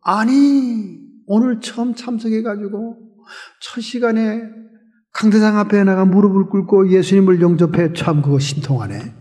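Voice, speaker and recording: A pastor voicing a puzzled young churchgoer, incredulous, high and mellow, long reverb. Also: male voice, normal speed, lightly acted. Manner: incredulous, questioning. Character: puzzled churchgoing young man questioning a friend.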